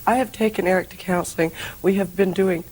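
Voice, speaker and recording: A woman's voice: mid-range voice, steady tone, darkish tone, low-quality recording. Tearful, stammering woman litigant. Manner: halting, stammering. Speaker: plaintiff.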